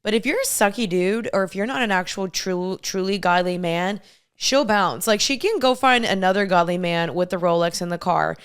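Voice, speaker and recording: A young American woman speaks in a smooth, clear voice at a middling pitch. She gives dating advice in a confident, casual way, stressing her points bluntly and emphatically. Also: moderate pace. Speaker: co-host giving dating advice.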